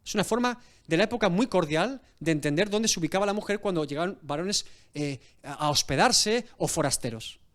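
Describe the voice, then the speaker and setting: A man's voice: sits high, a little fast. A male pastor giving an expository sermon, telling the story with animation and acting out scenes. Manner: animated storytelling, acts out scenes, laughs often.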